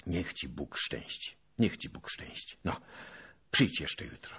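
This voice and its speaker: A careworn prince speaks gently and quietly, as a male reader voices him. The voice is very low and husky, slow and tender. Storybook reading. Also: very animated, full character voice. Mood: gentle. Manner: soft, gentle, subdued.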